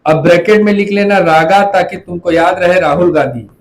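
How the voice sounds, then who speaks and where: Guy teaching class, fairly high voice, drills mnemonics over and over. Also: normal speed, rough recording. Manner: repeats mnemonics, addresses students as beta. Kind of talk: classroom lecture.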